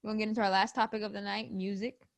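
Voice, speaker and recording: A woman's voice: medium pitch, level tone, creaky, dry recording. A woman co-hosting a podcast, chatting playfully and teasing her co-host. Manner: playful, quick to laugh and tease. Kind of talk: casual chat.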